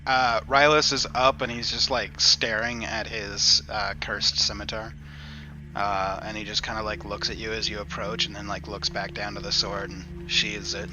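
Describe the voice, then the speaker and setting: A man's voice: fairly low pitch, little pitch movement, moderate pace, dull audio, background noise. A man casually narrating a tabletop role-playing game as game master, describing scenes conversationally.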